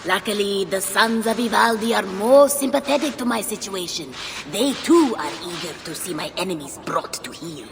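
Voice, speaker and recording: Music plays behind an actress voicing a merchant character, a scheming female imp in a video game cutscene who is sly and teasing. Her medium-pitched voice is animated and theatrical, moving at a moderate pace with few pauses, with long hall reverb and clear background noise.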